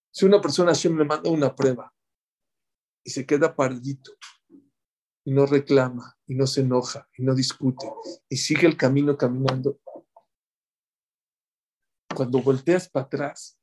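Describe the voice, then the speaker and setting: Rabbi guy giving a torah class, kinda high voice, gets loud then goes quiet, talks right at the room. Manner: animated, swings pitch and volume for emphasis; speaks directly to listeners, acts out quoted voices.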